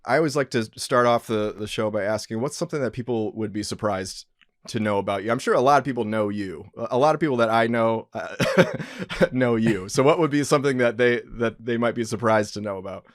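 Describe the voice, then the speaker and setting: A man hosting a podcast, talking in an upbeat, conversational way with many fillers, often trailing off softly at the ends of phrases. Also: medium pitch, fairly quick, no room sound, studio quality. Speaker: podcast host.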